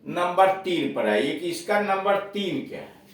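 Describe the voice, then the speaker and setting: A man's voice: sits high, expressive, a little slow. A man teaching English spelling and pronunciation in Hindi, spelling words out letter by letter and giving each meaning. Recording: very echoey room, voice from a distance.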